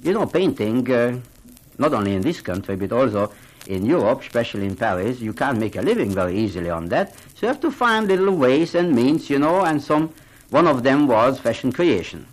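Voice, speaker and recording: A man's voice: medium pitch, brisk, poor audio. An older man from Hungary, speaking earnestly in as a gallery owner in a radio interview. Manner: animated, earnest, non-native phrasing. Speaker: art gallery owner and collector.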